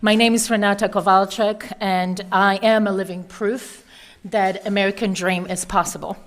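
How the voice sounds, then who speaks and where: A woman's voice: medium pitch, steady tone, moderate pace. Woman, Polish accent, candidate, earnest, prepared statement, some fillers. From Poland. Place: meeting hall.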